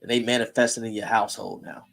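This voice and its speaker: A man's voice: lowish voice, fairly even intonation, fast talker, creaky, a bit bright. A man hosting a casual streamed talk, blunt and preachy, in heated street slang. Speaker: host.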